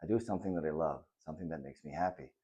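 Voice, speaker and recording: Man reading a soft-spoken, patient father. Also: a bass voice, very fast. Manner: soft and reassuring. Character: kind, patient middle-aged father.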